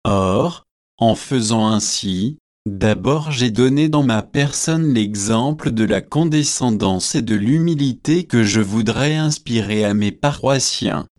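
A man voicing a pompous, earnest young male curate, speaking gravely and with self-satisfaction. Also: medium pitch, animated, slow pace, a little mellow, no room sound, studio quality.

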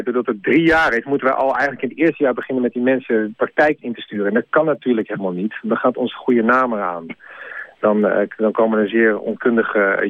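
A man's voice: mid-range voice, no room sound. A man leaving a hesitant voicemail message, full of filler sounds, complaining as the founder of a film acting course. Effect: leaving a voicemail over the phone. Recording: dry tinny phone line.

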